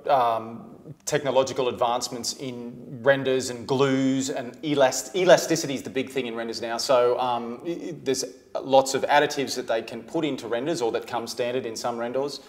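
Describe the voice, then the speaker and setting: A man's voice: medium pitch, fairly even intonation, normal speed, few pauses. Australian male tradie, everyday mid-range voice, practical and plain-spoken, casual instructional chat. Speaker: tradesman guest explaining fixings.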